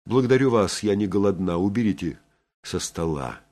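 A man voicing a gentle, weary young woman who speaks softly and reassuringly. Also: low voice, lively intonation, moderate pace. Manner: soft, reassuring.

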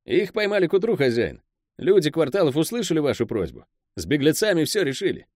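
A man's voice: fairly high pitch, big pitch swings, fairly quick, a little mellow, dry recording, studio quality, voice pushed up. Pel, a man putting on a fawning henchman. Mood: eager deferential. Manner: eager, deferential, keeps saying "master".

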